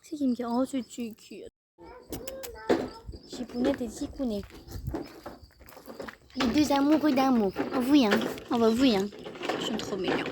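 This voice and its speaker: A woman's voice: on the high side, unhurried, pauses often, very noisy. A young woman rambling through a casual family vlog, with lots of fillers and self-corrections. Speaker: mother vlogging her family day. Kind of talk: casual chat to the camera.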